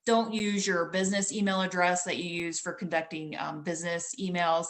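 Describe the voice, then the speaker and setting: A woman's voice: fairly low pitch, flat delivery, fairly quick. A woman guest and security expert giving practical advice in an interview, with plenty of you-knows. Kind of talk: explanatory interview talk.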